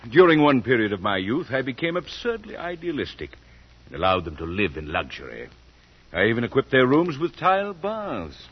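A raspy, condescending old rich father. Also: mid-range voice, huge pitch swings. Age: older. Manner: dry, condescending and measured. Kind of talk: 1940s radio acting. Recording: muffled old radio recording.

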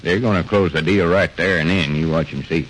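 An actor playing a confident, scheming old rural storekeeper in 1940s radio comedy, with folksy speech, on an old radio recording. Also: male voice, low voice, fairly quick, slight background noise, lightly acted.

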